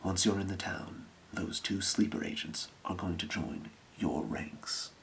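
A man in a whispered role-play, playing a scheming thieves' guild boss with a breathy, creaky whisper and a measured, secretive delivery. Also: deep voice, a bit bright, a little hiss or hum, heavily acted. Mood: hushed, calculating.

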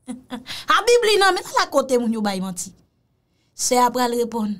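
Woman, mocking reaction commentator; high, very animated delivery. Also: a little slow. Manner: mocking and exclamatory, repeats phrases, mixes in Creole. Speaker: commentator reacting to a video clip.

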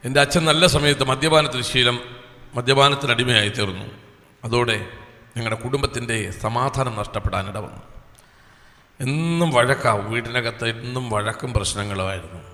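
Bright-voiced man testifying in a hall. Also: medium pitch. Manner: earnest storytelling with long pauses. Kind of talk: personal testimony at a church service. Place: small church hall. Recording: echoey hall reverb.

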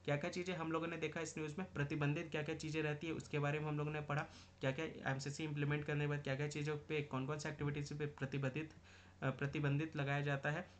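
A man's voice: fairly high pitch, level tone, fast talker, a little hiss or hum. A man giving an exam-prep current affairs lecture, explaining news in a mix of Hindi and English terms with many repeated phrases.

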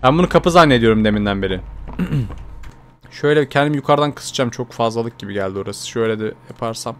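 A young man giving chatty horror game commentary, talking to his viewers, jumping from low mutters to startled shouts. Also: expressive, fast, slight background noise. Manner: chatty, addresses viewers directly. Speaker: gaming YouTuber.

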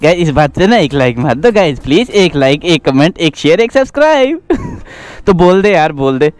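A man's voice: a little high, big pitch swings, normal speed. A man vlogging casually outdoors in a park, teasing and laughing often. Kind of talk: casual vlog chat. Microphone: action camera.

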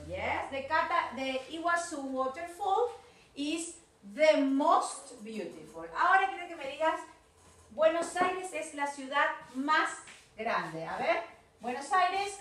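A woman with an Argentine Spanish accent leads an English lesson, her high voice swooping up and down as she prompts and repeats. She talks slowly and brightly. The sound is distant and full of room echo. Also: big pitch swings, slight background noise. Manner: coaxing, repeats and prompts the student. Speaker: English teacher.

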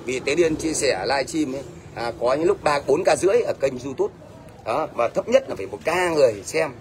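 A man's voice: on the high side, animated, brisk. A middle-aged man with a Northern Vietnamese accent, ranting at a commenter on a livestream in a blunt, scolding way and often asking "thấy chưa?". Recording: faint background noise.

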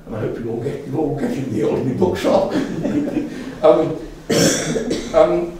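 A man's voice: on the high side, animated, a little slow, a crowd in the background. Older man lecturing in an echoey room. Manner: rambling, chatty, with many fillers and restarts. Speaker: speaker giving a talk to a local society. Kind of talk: informal lecture. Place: meeting room with an audience. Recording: echoey room, mic far off, faint room noise.

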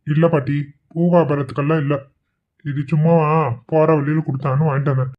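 A man voicing a loving, easygoing young village husband in a cartoon, talking in a soft, coaxing way. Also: on the high side, flat delivery, fairly quick, narrow, tinny audio, lightly acted.

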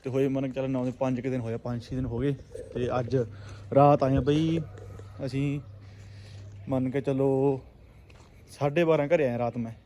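A man's voice: mid-range voice, dark tone. A man with a Punjabi accent vlogging in casual, earthy chat, exclaiming often and repeating himself. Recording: noisy, birds and ambient sound. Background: pigeons and ambient noise.

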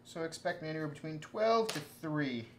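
A man's voice: fairly high pitch, lively intonation, fairly quick, very noisy. A young man playing a plumber in a comedy sketch, talking matter-of-factly on the phone in a small office. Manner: matter-of-fact, with loud shouting outbursts. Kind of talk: deadpan comedy sketch acting.

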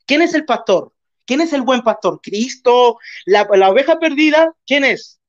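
A man's voice: very high voice, lively intonation, unhurried. A man in an online debate, mocking and scolding, firing rhetorical questions. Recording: dull lo-fi call audio.

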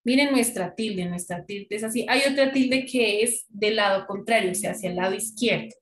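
Patient teacher woman, echoey room. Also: medium pitch. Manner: patient, explains slowly, checks understanding often. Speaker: French teacher. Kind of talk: online class teaching. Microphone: computer mic on video call.

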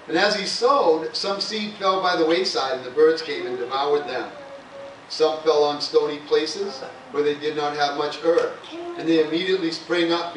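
A man preaching in a church with a slightly high voice and a loose, conversational delivery, often punctuated with "amen" and "hallelujah." The sound is picked up from a distance in a roomy sanctuary, with a faint hiss underneath. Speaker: pastor. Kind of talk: sermon. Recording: echoey church room, voice from far off, faint hiss.

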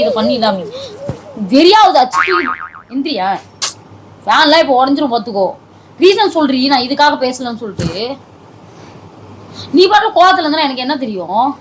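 A woman's voice: sits high, a bit bright, a little hiss or hum, low-quality recording. A woman who keeps pleading and scolding in a comedy sketch at home. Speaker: comedy video creator.

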